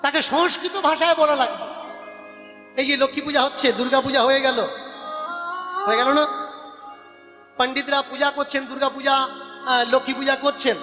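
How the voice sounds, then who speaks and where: A man's voice: extremely high pitch, little pitch movement, brisk, pauses often, big-room sound, music in the background. A man with a Bengali accent preaching a devotional sermon, arguing his points and correcting how words are pronounced. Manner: argumentative, corrects word pronunciation emphatically. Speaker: religious preacher.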